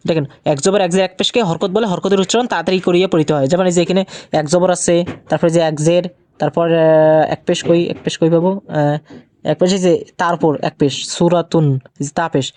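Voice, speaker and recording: A man teaching Quran reading, patiently asking questions and answering them himself, and slowing to a drawn-out chant when he recites verses. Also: on the high side, fairly even intonation, darkish tone, no echo. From Bangladesh. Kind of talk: recorded Quran recitation lesson.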